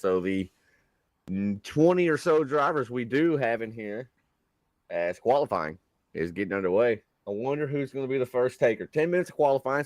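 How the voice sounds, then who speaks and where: A man's voice: mid-range voice, no echo. A man with a Southern US accent, co-commentating a live racing broadcast over a headset in a folksy, easygoing way. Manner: folksy and easygoing, calls his partner brother and buddy. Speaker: race co-commentator.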